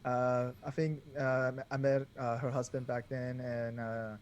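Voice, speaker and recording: A man's voice: medium pitch, flat delivery, measured pace, muffled recording, slight background noise. A man co-hosting a casual podcast chat, laid-back and rambling, often chuckling. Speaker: podcast co-host.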